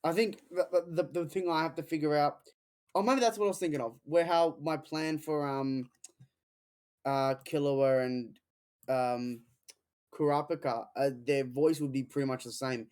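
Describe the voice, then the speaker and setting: A man's voice: a little high, moderate pace, darkish tone. A man co-hosting a podcast in casual chat, hesitant and full of fillers. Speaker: podcast co-host.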